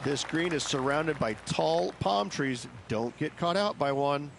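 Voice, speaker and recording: A male golf commentator with a somewhat high voice gives course analysis in a video game. He is plain-spoken, folksy and matter-of-fact, with clear outdoor noise behind him. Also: expressive, a little slow, fairly bright tone, some chatter behind, exaggerated voice.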